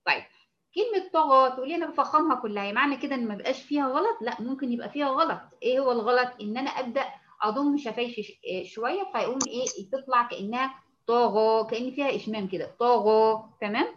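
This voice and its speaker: Fast-talking Egyptian woman teaching recitation. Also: on the high side, muffled recording. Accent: Egyptian Arabic. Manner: explains patiently, demonstrates sounds slowly, many fillers. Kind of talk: tajweed lesson.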